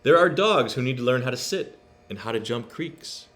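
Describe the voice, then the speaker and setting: A man's voice: mid-range voice, expressive, fairly bright tone, close to an everyday voice. Man reading as an earnest, over-eager storybook school principal. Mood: earnest, insistent. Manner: emphatic, proud, drawn-out praise.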